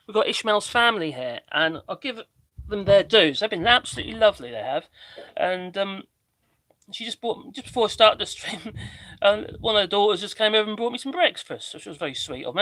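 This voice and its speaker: A man with a slightly mixed Norfolk English accent and a squeaky voice, chatting casually and ramblingly as he hosts a livestream. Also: lively intonation, brisk, sharp tone, no echo, poor audio. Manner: rambling, chatty, self-interrupting. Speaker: livestream host doing DIY work.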